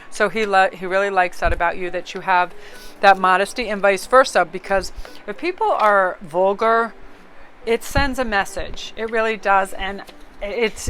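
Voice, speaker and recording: A woman's voice: mid-range voice, fairly bright tone, a little hiss or hum. A woman casually reading tarot cards aloud, chatty and rambling, often breaking into laughter. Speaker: tarot card reader.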